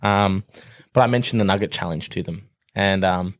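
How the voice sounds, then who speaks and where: A man's voice: sits low, normal speed. A young Australian man co-hosting a podcast, telling a rambling story full of fillers and laughs in casual chat. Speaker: podcast co-host.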